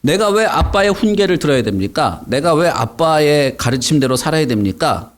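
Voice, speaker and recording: Lively man preaching to children. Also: a little high, moderate pace. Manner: animated, asks the kids questions. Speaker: Sunday school teacher. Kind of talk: sermon for children.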